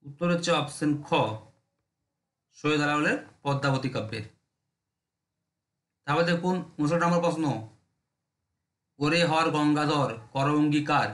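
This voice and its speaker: A man running a rapid exam-prep lesson, reading questions and answers and checking in with listeners. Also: fairly high pitch, fairly bright tone, roomy sound. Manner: brisk, drilling, repeats checks with listeners.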